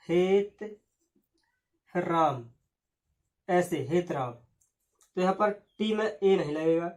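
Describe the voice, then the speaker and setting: A man teaching a lesson, patiently repeating words and spelling out letters slowly. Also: sits high. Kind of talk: explaining a lesson.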